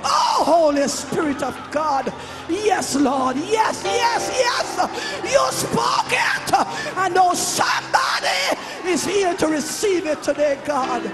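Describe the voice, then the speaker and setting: Very high-pitched and very animated, this man speaks slowly in a raised voice, delivering a fervent charismatic sermon and prayer. He declaims and repeats phrases for emphasis, recorded live at a worship service with music and the crowd behind him.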